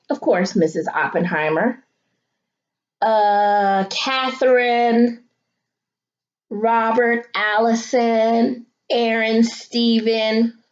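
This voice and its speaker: This elementary school teacher's voice runs a little high, captured on a muffled recording. She shares a picture book with children, reading aloud theatrically and guiding them through it while drawing out words for emphasis.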